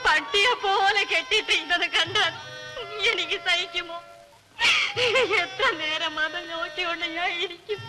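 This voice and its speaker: A woman's voice: extremely high pitch, fairly even intonation, a little slow, low-quality recording. An actress playing a young village woman who pleads tearfully, on an old film soundtrack with music behind.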